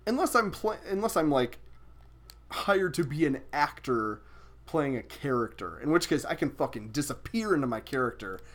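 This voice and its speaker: Lively young man chatting while gaming. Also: a little high, moderate pace. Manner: animated, swears often, exclaims at the game. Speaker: game streamer. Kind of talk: casual chat while streaming a video game.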